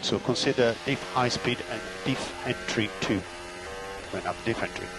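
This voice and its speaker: The audio is very noisy as a race engineer speaks at a moderate pace in a mid-range voice. He delivers clipped, matter-of-fact instructions and gap updates over team radio and frequently repeats the important bits.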